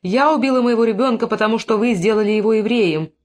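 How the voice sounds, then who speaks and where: A woman voicing a grieving, distraught young mother whose speech is shrill, wailing and frantic, in an audiobook reading. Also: fairly quick, mellow, lightly acted. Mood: anguished.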